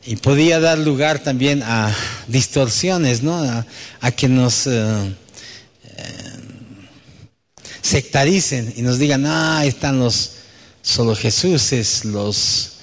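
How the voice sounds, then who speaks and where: A pastor preaches a sermon to his church in a mid-range voice, slowly and with long pauses. He speaks conversationally, often closing a thought with a questioning tag, and long hall reverb fills the recording.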